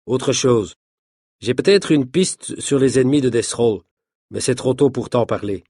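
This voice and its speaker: A man's voice: medium pitch, measured pace, dark tone, husky, dry recording, clean studio sound. A man voicing a reassuring adult male private investigator in a matter-of-fact way.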